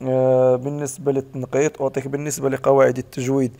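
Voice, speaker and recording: A man teaching recitation who patiently corrects his students. He slows right down to model each sound. His voice is mellow and warm, at a middle pitch. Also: completely flat delivery, vocal fry.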